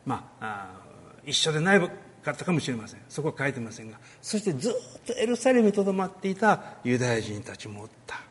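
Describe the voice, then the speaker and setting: A man giving a sermon on a Bible passage, talking in a lively way with many pauses and filler words. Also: on the high side, breathy edge. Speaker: pastor.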